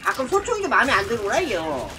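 A man streaming a game live, talking himself through each move and yelling at enemies, with many filler sounds. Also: very high voice, huge pitch swings, very fast, slight background noise. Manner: talks to himself while playing, shouts at enemies; frequent filler sounds between actions. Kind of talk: live gameplay commentary.

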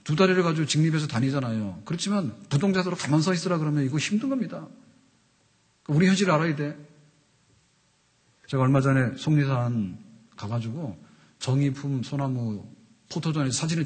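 A man's voice: mid-range voice, a little mellow, husky. A man in his fifties, a pastor preaching a conversational sermon at a pulpit microphone, often asking the congregation questions. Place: church sanctuary pulpit. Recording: reverberant church hall.

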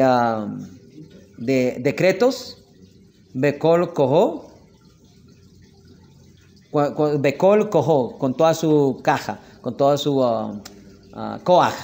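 A man with a Colombian Spanish accent teaching a lesson on prayer customs, explaining step by step, slowing down to spell out the prayer words and often checking in with his listeners. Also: fairly high pitch, a little mellow.

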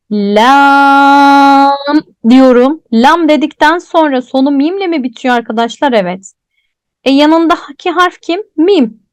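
A woman's voice: high-pitched, no echo, clean studio sound. A woman teaching a Quran recitation lesson, explaining step by step and asking and answering her own questions, drawing out letter names as she recites them. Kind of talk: online tajweed lesson.

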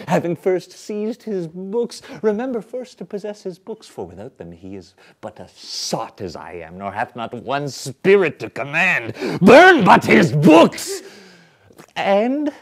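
A performer voicing Caliban, a grovelling male monster servant, in a comic stage send-up, wheedling and sliding between deep growls and loud bursts. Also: wildly swooping pitch, a little slow, hardly any pauses, heavily acted. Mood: scheming.

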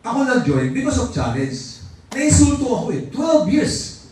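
A man's voice: very high voice, unhurried, far from the mic. A middle-aged man giving a live motivational seminar talk, telling his story with animation and acting out quoted voices. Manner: animated storytelling, mixing English phrases; acts out quoted voices and raises his voice for effect. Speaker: motivational speaker. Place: large seminar hall with a live audience. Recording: echoey hall, voice from afar. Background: faint audience and room noise.

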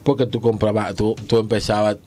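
A man's voice: fairly low pitch, little pitch movement, a little fast, mellow. Joking Dominican man on radio. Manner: joking, teasing, acts out sounds. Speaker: radio co-host. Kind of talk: casual radio banter.

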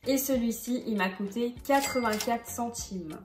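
A bubbly young Frenchwoman chats her way through a makeup test, her voice sitting a little high and full of exclamations. The room rings with echo and music plays softly behind her. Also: measured pace. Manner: bubbly, chatty, exclaims a lot. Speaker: beauty vlogger. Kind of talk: casual makeup tutorial vlog. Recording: echoey room with background music.

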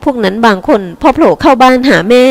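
A woman voicing a resentful teenage girl who speaks slowly and bitterly about her mother, in an audiobook with long reverb. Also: fairly high pitch, a little mellow, pitched above the performer's own voice, natural voice. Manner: resentful, cutting, slow and emphatic.

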